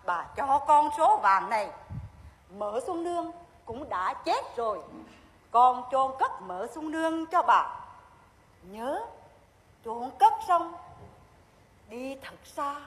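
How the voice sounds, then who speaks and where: A woman's voice: high-pitched, sing-song, slow pace, pauses often, in a large hall, heavily acted. A scheming old grandmother. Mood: coaxing. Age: older.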